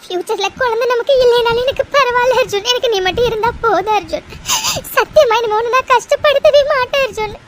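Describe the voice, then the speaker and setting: This is melodramatic Tamil audio drama acting: a woman with a very high-pitched, fast voice portrays a distraught young woman crying over her injured beloved. She pleads through tears and keeps begging in desperate devotion, on a noisy recording with clicks.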